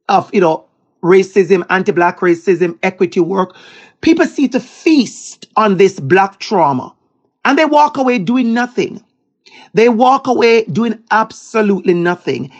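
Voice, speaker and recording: A woman with a Jamaican accent, an equity educator answering as a guest, speaking emphatically and repeating key lines for effect. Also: medium pitch. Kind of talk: impassioned interview answer.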